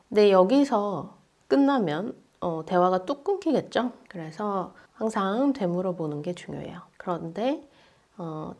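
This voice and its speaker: A woman teaching English, patiently explaining and slowly modeling English phrases. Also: medium pitch, darkish tone. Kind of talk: language lesson explanation.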